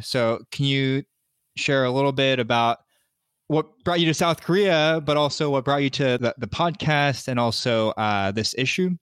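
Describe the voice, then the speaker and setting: Smooth-voiced man hosting an interview. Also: medium pitch, a bit bright, dry recording, clean studio sound. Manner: polite, inviting questions. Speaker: podcast host. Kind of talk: interview questions.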